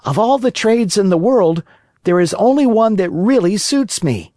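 A storyteller voicing an impudent, quick-tempered wooden marionette boy in a storybook reading. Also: medium pitch, lively intonation, mellow, dry recording, clean studio sound, pitched above the performer's own voice, close to an everyday voice. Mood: cheeky defiant. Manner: cheeky, impatient.

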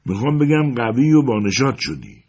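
Brief: male narrator doing a fumbling, hearty rancher, husky voice, lively delivery. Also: mid-range voice, pitched above the performer's own voice. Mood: awkward. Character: rancher husband, adult man, awkward and eager.

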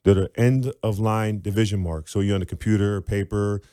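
Male teacher-author guest, animated explainer, low warm voice, dry close sound. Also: fairly quick, no room sound. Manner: animated, demonstrates sounds aloud.

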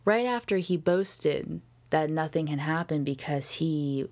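A woman hosting a podcast, telling a history story in a casual, jokey way with swearing and quick whispered asides. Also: sits low, darkish tone. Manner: chatty with frequent fillers and whispered asides. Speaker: podcast host.

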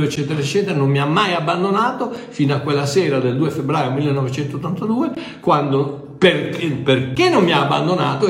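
Echoey older man preaching informally. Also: a little high. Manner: emphatic repetition, self-correcting, conversational. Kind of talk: informal sermon, teaching directly to listeners.

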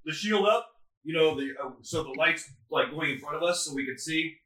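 A fast-talking man with a fairly high, bright voice plays a tabletop roleplaying game, quick to walk the others through the rules. The room around him sounds echoey. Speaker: player. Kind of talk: casual tabletop game play.

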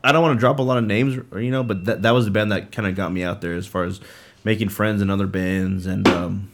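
A man in his late twenties talks casually as a band's drummer, circling his point with fillers and restarts. His voice sits a bit low. The talk runs loose and unhurried. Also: fairly even intonation. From Southern California. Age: late 20s. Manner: rambling, filler-heavy, restarts often. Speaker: drummer in a band. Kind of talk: casual interview chat.

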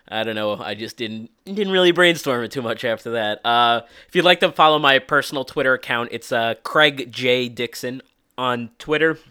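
A young man hosting his own podcast, chatting casually with lots of fillers and restarts, hoarse from a cold. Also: mid-range voice, pushed and bright. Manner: rambling, full of fillers and restarts. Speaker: podcast host. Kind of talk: casual solo podcast talk.

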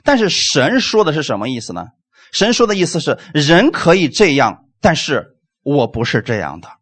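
Animated male preacher, rhetorical questions. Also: fairly high pitch, normal speed, husky. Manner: punctuates points with "amen". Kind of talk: sermon.

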